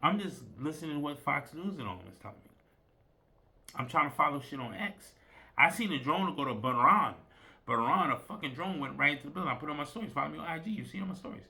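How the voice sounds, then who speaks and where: A man's voice: a little high, pushed and bright. A man vlogging a rambling, profane commentary, often repeating himself and trailing off. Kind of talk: casual rant.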